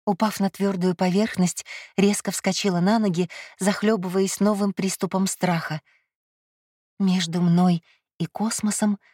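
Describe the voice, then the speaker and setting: A woman narrating a first-person fantasy audiobook in a measured, softly dramatic reading. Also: medium pitch, no echo, clean studio sound.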